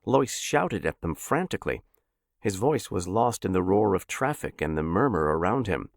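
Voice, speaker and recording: A male narrator with a low, gravelly voice reads a story dramatically, his pitch leaping through a very wide range. The sound is close and completely dry. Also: very animated, moderate pace, no room sound. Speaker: narrator and host.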